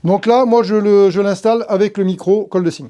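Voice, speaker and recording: Speaking fairly quickly in a high, mellow voice with fairly even intonation, a tree-work pro leads an informal tutorial. He talks through every step conversationally, musing aloud as he works the gear.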